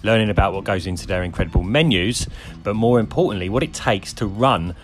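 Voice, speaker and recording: A man hosting a podcast interview, chatty and quick to laugh, often restarting his questions. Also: on the low side, background noise. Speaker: podcast host. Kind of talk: casual interview.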